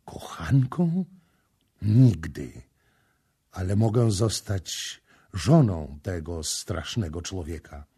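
A man's voice: deep voice, lively intonation, slow, mellow, slightly rough, full character voice. A man reading the part of a young priestess in an audiobook, tearful and pleading.

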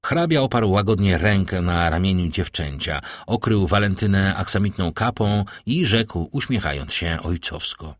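A man narrating a classic novel as an audiobook, reading in a measured, dramatic way. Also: sits low, lively intonation, dry recording, studio quality.

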